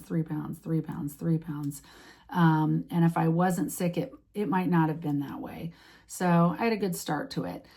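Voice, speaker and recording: Low-voiced chatty woman in her fifties. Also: a little mellow. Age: 50s. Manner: rambling, many restarts and fillers. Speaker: vlogger. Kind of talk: casual chat to camera.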